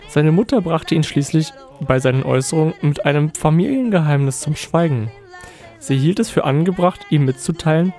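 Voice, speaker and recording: A man co-hosting a radio show reads strange news stories in a somewhat high voice, breaking off to make fun of them. Soft music plays quietly beneath his voice. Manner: reads news items then mocks them, laughing often. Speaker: radio show co-host reading odd news. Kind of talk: casual joking news reading.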